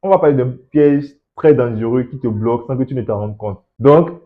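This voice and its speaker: A man talks straight to the viewer in a motivational coaching tone. He asks rhetorical questions and repeats words for emphasis. His voice sits at an ordinary middle pitch and comes through a slightly dull, lo-fi recording. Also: moderate pace. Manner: encouraging, rhetorical questions, repeats words when stressing a point. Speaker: host of an English-learning channel. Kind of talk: motivational talk to camera, addressing the viewer directly.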